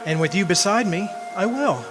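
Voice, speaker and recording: A man's high-pitched, expressive voice carries a radio drama role: a wistful, earnest man still devoted to the young love he lost. He delivers his lines in deliberate phrases.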